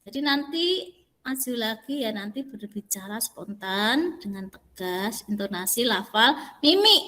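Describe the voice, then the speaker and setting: A woman's voice: fairly high pitch, expressive, a little slow, bright, forceful tone, in a large hall. A woman teacher patiently explaining pronunciation and intonation step by step during an online class, modelling examples as she goes. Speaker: Indonesian language teacher.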